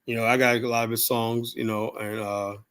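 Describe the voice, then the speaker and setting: A man's voice: mid-range voice, flat delivery, a little fast, a bit bright, clean tone. Rambling, profane older man streaming. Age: 70s. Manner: rambling, blunt, profane, frequent "you know?". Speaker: livestream host. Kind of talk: casual live-stream monologue.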